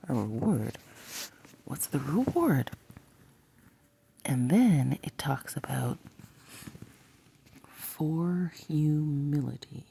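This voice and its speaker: Slow, dark, whispering woman teaching. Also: sits low, expressive, gravelly, a little hiss or hum. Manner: soft whisper, slow and deliberate; reads verses aloud and then unpacks them. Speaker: Bible teacher and video host. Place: indoors, early morning.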